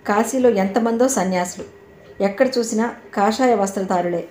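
A woman reading an audio novel aloud in a calm, steady storytelling manner. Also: medium pitch, moderate pace. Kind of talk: scripted narration. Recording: echoey room, faint background noise.

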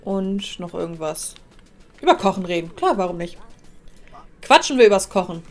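A woman's voice: mid-range voice, animated, moderate pace. A woman casually commenting while she streams a life-sim game, thanking viewers and talking to her characters, a little sniffly with a cold.

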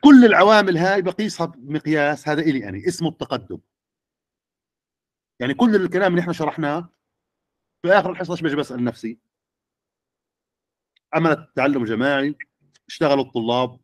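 A man's voice: on the high side, expressive, fast talker, long pauses, no room sound, clean studio sound. A middle-aged man, lecturing teachers and often checking with the audience. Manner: questioning the audience.

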